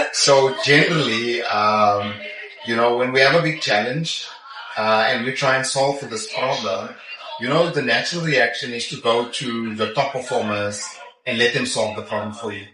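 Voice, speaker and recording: Bright and forceful at a medium pitch and ordinary pace, this tech executive speaks with a South African accent and is middle-aged. His conversational interview replies keep checking in with "yeah?", while the far-off mic catches echo and a busy crowd.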